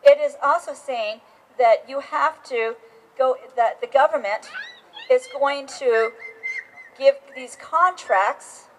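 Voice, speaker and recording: High-voiced woman giving an insistent rally speech. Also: slow, a little hiss or hum, poor audio. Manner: emphatic, insistent, with many restarts. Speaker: rally speaker. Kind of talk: outdoor political rally speech. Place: outdoors on capitol steps.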